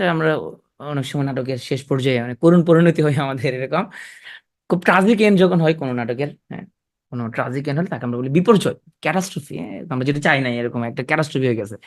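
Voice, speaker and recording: A man's voice: on the high side, animated, creaky. Man giving a chatty lecture. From Bangladesh. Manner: conversational, asks students quick check questions. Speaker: teacher. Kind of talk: exam-prep literature lecture.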